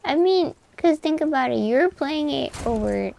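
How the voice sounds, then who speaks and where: A woman keeps up playful banter while her partner plays through a game. Her voice sits a touch high and carries a gravelly edge. The talk is loose and joking. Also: animated, moderate pace, a little mellow, slight background noise. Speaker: gaming co-host. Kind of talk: casual gaming chat.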